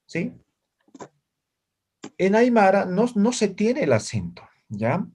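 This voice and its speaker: In a high, sing-song voice that is a little mellow and slightly rough, a male teacher leads a language lesson slowly. He constantly stops after nearly each phrase to ask students short questions, and their replies are audible in the classroom.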